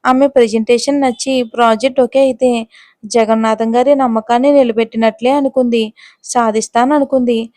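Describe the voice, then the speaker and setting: Woman, storyteller, romance audio story narration, steady, high voice, dry close sound. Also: no room sound.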